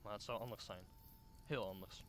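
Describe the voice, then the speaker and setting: Playing a talkative, hopeful old counsellor in a Dutch Shakespeare audio drama, a man declaims formally and idealistically, like a speech. His lightly acted voice sits on the low side, steady and fairly bright, at a moderate pace, with slight hiss or hum.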